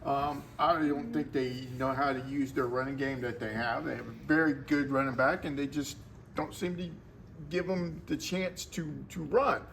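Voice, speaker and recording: A man co-hosting a casual football chat, rambling with halting restarts as he gives his picks. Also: medium pitch, steady tone, creaky, a bit bright, a little hiss or hum. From Florida. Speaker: co-host.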